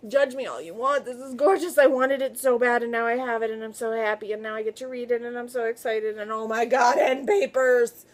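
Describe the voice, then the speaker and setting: A woman talking casually to her viewers in a book haul video, gushing and excitable. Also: a little high, fairly quick, hardly any pauses. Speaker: book vlogger.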